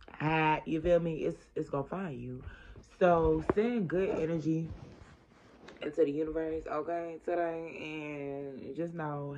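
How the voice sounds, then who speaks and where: A woman's voice: low voice, a little mellow, dull audio. A young woman chatting casually to camera in her bedroom, laid-back and slangy, recorded on a phone at arm's length. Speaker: vlogger. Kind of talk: casual chat. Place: bedroom at home.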